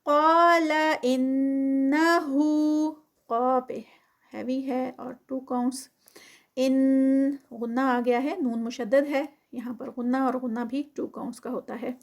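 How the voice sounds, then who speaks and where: High-voiced woman teaching tajweed. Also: little pitch movement, vocal fry, warm tone. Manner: slow drawn-out recitation alternating with quick explanation. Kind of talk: tajweed lesson, recites then explains.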